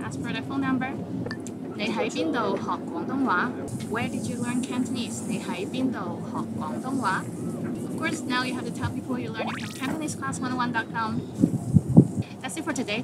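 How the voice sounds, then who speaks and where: A woman teaching a language lesson, saying each phrase slowly and clearly, then translating it patiently. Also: on the high side, very noisy. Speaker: Cantonese teacher.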